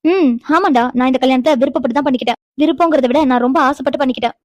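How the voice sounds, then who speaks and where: A woman's voice: high voice, rapid-fire, a little mellow, no room sound, dull audio, natural voice. A woman voicing an earnest, emotional young woman in a cartoon, an older-sister figure who speaks gratefully. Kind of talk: animated cartoon dialogue.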